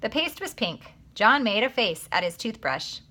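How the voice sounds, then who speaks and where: A woman, a teacher, reading a children's book aloud in an expressive, animated way. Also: fairly high pitch, moderate pace.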